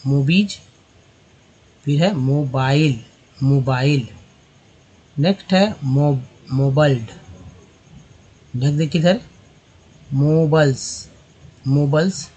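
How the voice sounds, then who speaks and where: A man teaches English pronunciation, repeating each word slowly so learners can follow. His voice sits a little high for a man. He talks in a patient lesson style. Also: darkish tone, slightly rough, dull audio. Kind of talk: language lesson explaining pronunciation.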